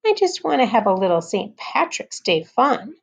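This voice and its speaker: A woman's voice: a little high, very animated, moderate pace, vocal fry, slightly rough, pitched above the performer's own voice, heavily acted. A woman doing a sly troublemaking schoolboy. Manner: sly, drawn out.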